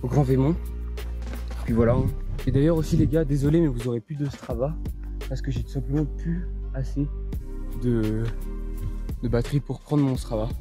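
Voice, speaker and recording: A young man vlogging while hiking alone on a mountain trail, talking into his phone in a rambling, hesitant way with many fillers, tired and low on spirits. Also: normal speed, long pauses, music in the background. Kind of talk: casual vlog to camera while trekking.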